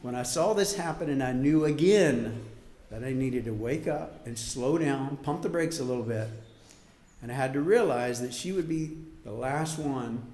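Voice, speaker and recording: A man's voice: medium pitch, moderate pace, darkish tone. Echoey middle-aged man giving an emotional wedding toast. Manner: emotional, holding back tears. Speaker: father of the bride giving a speech. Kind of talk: wedding toast, heartfelt prepared speech. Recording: echoey room.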